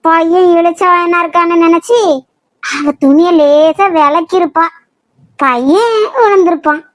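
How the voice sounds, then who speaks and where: A sneering old village grandmother, voiced by a woman, talks down at her grandson in a cartoon. Her voice sits very high and stretches each insult slowly and with scorn. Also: no echo. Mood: scornful. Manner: sneering, drawn-out taunts. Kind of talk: cartoon voice acting.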